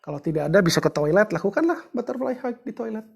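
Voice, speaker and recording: A woman's voice: medium pitch, expressive, quick pace, creaky, darkish tone, slightly rough. A woman giving a chatty, joking livestreamed teaching talk, greeting viewers and walking them through steps. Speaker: book discussion presenter.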